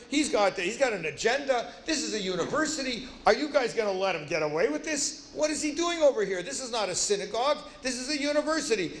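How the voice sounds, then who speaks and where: A man voicing an agitated young male student who heckles and accuses in a stream of rapid questions. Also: sits high, a little hiss or hum, pitched above the performer's own voice. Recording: roomy hall with faint ambience.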